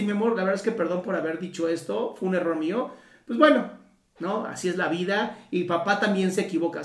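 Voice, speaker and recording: A man with a Mexican Spanish accent speaks as a psychotherapist in a loose, colloquial talk, sprinkling in swear words and quick tag questions. His voice rings in a roomy space. He sits some distance from the microphone. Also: sits high. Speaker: Gestalt psychotherapist. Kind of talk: casual motivational talk. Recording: roomy echo, mic at a distance.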